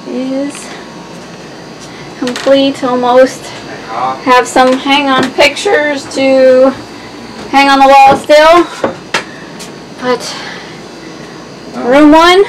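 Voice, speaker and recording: Upbeat woman in her 40s, kinda high voice, slow easy talk, noisy boat deck. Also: fairly even intonation. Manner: chatty, upbeat, talks to camera. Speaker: sailing vlog host. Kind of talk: casual vlog narration. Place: aboard a sailboat, outdoors in the cockpit. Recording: clear background noise.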